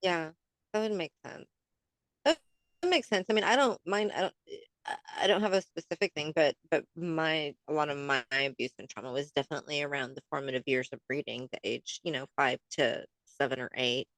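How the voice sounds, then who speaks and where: A woman's voice: low voice, fairly quick, a bit bright, dry recording. A woman co-hosting a podcast in casual chat, reading oracle card text aloud, stumbling over words and laughing often. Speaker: podcast co-host.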